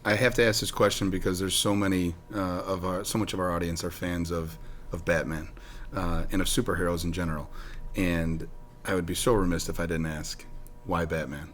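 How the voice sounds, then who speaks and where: A man hosting an interview, asking measured, thoughtful questions. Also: deep voice, flat delivery, faint music behind. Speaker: interview host.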